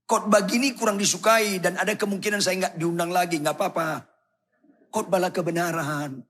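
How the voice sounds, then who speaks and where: Blunt slangy pastor guy, kinda high and husky, shouts then goes low. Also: steady tone, moderate pace. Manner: blunt, provocative, shouts and drops low for effect. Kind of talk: sermon.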